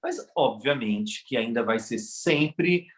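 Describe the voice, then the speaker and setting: A Brazilian man, a guest, chatting in an animated way and acting out bits of dialogue. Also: mid-range voice, reverberant. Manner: animated, quick shifts of pace, acts out dialogue. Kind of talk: casual conversation.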